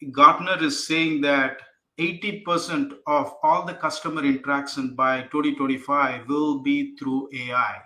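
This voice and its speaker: A man's voice: fairly high pitch, bright, forceful tone, echoey room, poor audio. A man speaking as a panelist in an online panel discussion, earnest, often tagging his points with "right?" and "you know". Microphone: video call.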